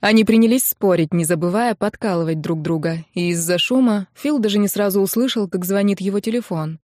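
A woman narrating a romance audiobook in an even, steady storytelling voice. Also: medium pitch, fairly quick, dry recording, clean studio sound.

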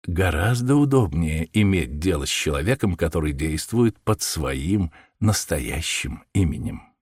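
Sherlock Holmes, read by a man, soft-spoken and calm. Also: extremely low pitch, breathy edge, no echo, clean studio sound, full character voice. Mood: gentle. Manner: soft, gentle, measured speech. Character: calm, clever male detective, gentle and assured.

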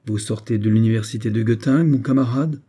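A man's voice: mid-range voice, fast, dark tone, breathy edge, natural voice. A man voicing a proud, heartbroken young soldier with an emphatic delivery in an audiobook reading. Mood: ironic. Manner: pleading then heated, emphatic.

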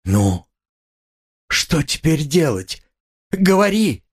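A man's voice: fairly high pitch, very animated, takes it slowly, voice pushed up, heavily acted. A man voicing a tormented, bitter young man who speaks in a brooding, irritable confession in an audiobook. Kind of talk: audiobook character reading.

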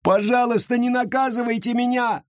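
A man's voice: extremely high pitch, little pitch movement, normal speed, no room sound, studio quality, voice pushed up. A man voicing a terrified young village girl who sobs and begs for mercy. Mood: pleading. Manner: sobbing, pleading.

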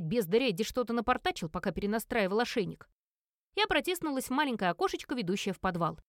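A woman reading a first-person audiobook in an expressive storytelling manner, close to the mic. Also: a little high, no room sound. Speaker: narrator.

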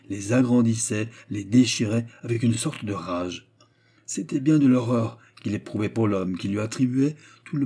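A man reading a classic novel aloud as narrator, in a measured, literary way. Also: fairly low pitch, dark tone, breathy edge. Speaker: audiobook narrator. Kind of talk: scripted narration.

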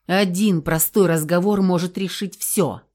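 A woman's voice: on the low side, unhurried. A woman voicing a cautious, warning man. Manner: calm, reasoning, warning. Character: cautious male assistant, warning friend. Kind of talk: audiobook character voice.

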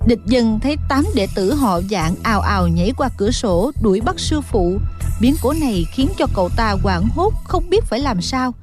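A woman narrating a martial-arts novel in a steady, dramatic storytelling tone. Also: fairly high pitch, normal speed, faint music behind. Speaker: audiobook narrator.

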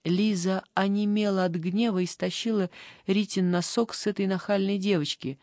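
A woman reading a fairy tale aloud as a calm, even audiobook narrator. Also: mid-range voice, normal speed, no room sound, studio quality. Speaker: audiobook reader. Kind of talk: scripted narration.

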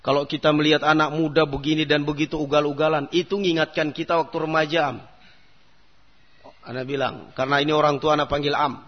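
A man preaches a sermon in a mosque, his voice sitting high and turning animated as he acts out the scolding parents and stubborn children in his stories. The recording is dull and lo-fi. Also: fast. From Indonesia.

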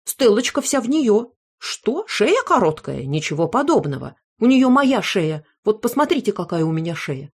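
A woman voicing a fussy, loud old grandmother in an audiobook, who is indignant and blames everyone else. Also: medium pitch, big pitch swings, moderate pace, hardly any pauses, husky, pitched above the performer's own voice. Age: older. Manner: indignant, bossy, blames others. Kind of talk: audiobook character voice.

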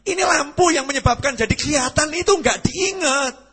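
A man giving a conversational sermon, swinging between loud emphatic lines and hushed ones. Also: very high voice, animated, fairly quick. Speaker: preacher.

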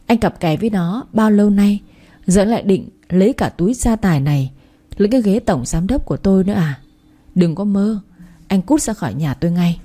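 A woman's voice: medium pitch, expressive, fairly quick, mellow, lightly acted. A woman voicing a stern, angry older father-in-law who runs the family company, speaking harshly in a storybook reading. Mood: scolding. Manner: harsh, scolding.

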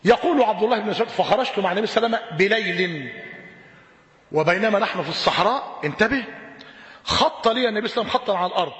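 An Egyptian preacher delivering a sermon in a lively, swooping voice, pitched high for a man. He tells his stories with animated rhetorical questions. The sound rings out through a roomy hall with a long echo. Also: rapid-fire. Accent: Egyptian Arabic. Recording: echoey hall with long reverb.

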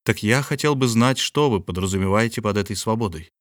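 A man's voice: on the low side, fairly quick, dry recording, clean studio sound, lightly acted. A man voicing a polite but indignant scholar held captive, speaking formally and pleadingly. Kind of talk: audiobook character reading.

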